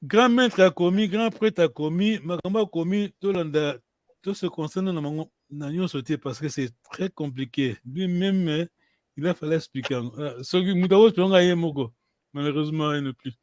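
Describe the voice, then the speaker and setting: A man with a notably high voice leads a language lesson, hesitating and restarting his phrases and stopping often to ask whether everyone has understood. The sound is dry and close, with no room echo. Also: normal speed, a little mellow. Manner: checks understanding with the class. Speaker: language teacher.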